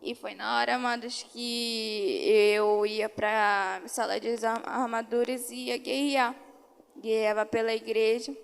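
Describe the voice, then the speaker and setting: A woman with a Brazilian accent gives a spoken church testimony, slowly repeating what she was told in a vision. Her voice is fairly high, smooth and clear, held on a narrow, even pitch. A long reverb trails after her words, as in a large hall. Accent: Brazilian Portuguese. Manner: retells a vision in slow, repetitive quoted speech. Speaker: church member giving testimony.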